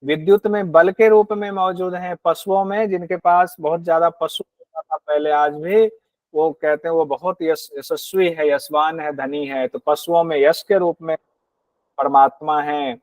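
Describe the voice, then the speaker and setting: Higher-voiced man teaching scripture. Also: fairly even intonation, measured pace, dry recording. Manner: teacherly, asks and answers his own questions; acts out rude and grudging hosts in quoted asides. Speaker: yoga teacher explaining scripture. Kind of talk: explanatory Hindi lecture on the Upanishads.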